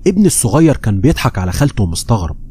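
A man with an Egyptian accent reading horror stories aloud, telling them at a steady pace and voicing the people he quotes. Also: medium pitch, rapid-fire, breathy edge. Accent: Egyptian Arabic. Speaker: horror story narrator. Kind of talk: scripted horror story narration.

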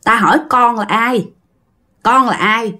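A woman voicing a calm, gentle old male exorcist who questions softly and patiently. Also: on the high side, a little slow.

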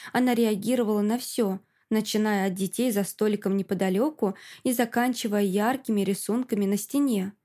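A woman narrating a first-person audiobook with a steady, expressive reading. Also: mid-range voice.

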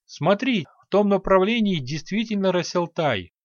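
A man putting on a high-pitched indignant count. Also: animated, no room sound, dull audio. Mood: explaining. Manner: quick, indignant. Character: indignant scholarly male count, sharp.

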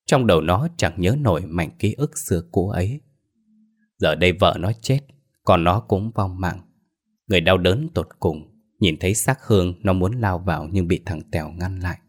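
A man's voice: low-pitched, normal speed, husky. A man narrating a folk horror story in a plain, earthy storytelling manner.

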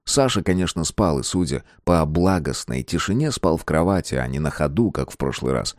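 A man with a low voice narrates an audiobook in a measured, storytelling way. The recording is dry and close, with no room echo at all. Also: expressive. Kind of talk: scripted narration.

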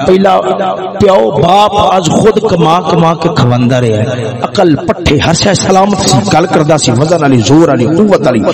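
Man, preacher, sermon, high voice, emphatic repeats, loud stresses, audience noise behind. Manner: acts out family dialogue in his talk. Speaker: Islamic preacher. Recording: crowd noise from a gathering. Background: audience murmur.

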